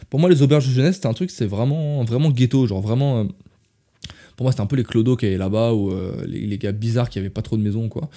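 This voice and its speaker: Rambling young man with a mellow voice. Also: medium pitch, quick pace. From France. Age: young adult. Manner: rambling, restarts and self-corrections, addresses listeners as "les gars". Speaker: travel podcaster. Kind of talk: casual storytelling podcast.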